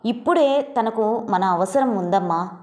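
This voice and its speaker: A woman's voice: fairly high pitch, expressive, measured pace, a little mellow. A woman reading the lines of an earnest young married man who argues firmly with his mother in a storybook. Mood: pleading. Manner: firm, pleading with his mother.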